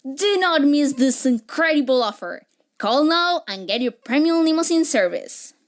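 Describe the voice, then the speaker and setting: A young woman reading an infomercial sales pitch, addressing the listener directly. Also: expressive, normal speed. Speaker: advertiser.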